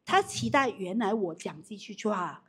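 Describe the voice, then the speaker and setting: A woman leading a live business training with audience questions, animated and quick to restart her sentences. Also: mid-range voice, slightly rough.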